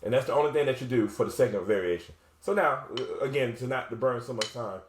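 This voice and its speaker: Speaking quickly at medium pitch, a drumline instructor walks through drum rudiments one step at a time, demonstrating on a drum. His manner is casual, and he corrects himself as he thinks aloud. Heavy background noise and drum playing fill the echoey room.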